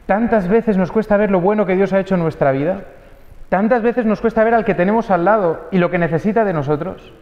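A man, a priest, preaching a lively sermon at mass and acting out the voices he quotes. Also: high voice, a little fast. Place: church during mass. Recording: dull church audio with long reverb.

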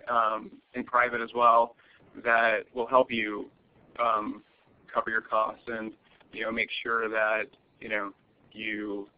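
A man presenting a webinar as a lawyer, answering audience questions cautiously with many fillers and restarts. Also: mid-range voice. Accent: American. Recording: muffled lo-fi webinar audio.

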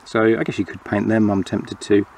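A man casually narrating a toy playset review, explaining the features in a relaxed way. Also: lowish voice, normal speed, gravelly.

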